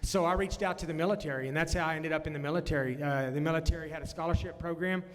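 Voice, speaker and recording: Casting: Mann, 40er, westtexanischer Akzent, volkstümliche Wahlkampfrede, rasch, Mikro in hallendem Saal. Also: male voice, fairly high pitch, steady tone, rapid-fire. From Texas Panhandle. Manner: folksy, frequent "uh" fillers and restarts. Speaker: congressional candidate. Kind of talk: campaign stump speech. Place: meeting room at a candidate forum. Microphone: handheld or podium mic. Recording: long hall reverb from a room PA.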